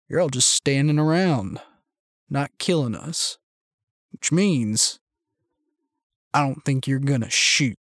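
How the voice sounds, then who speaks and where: A man's voice: fairly high pitch, no room sound, clean studio sound, close to an everyday voice. A man playing a smug, coolly menacing young leader. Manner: calm, sardonic, unhurried.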